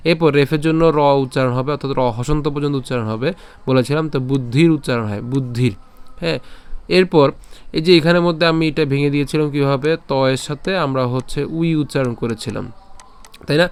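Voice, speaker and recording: A man's voice: medium pitch, clear, resonant tone. Patient man teaching verse pronunciation. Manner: patient, breaks words into syllables and repeats them slowly; chants verses slowly and louder. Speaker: scripture recitation teacher. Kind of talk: pronunciation lesson.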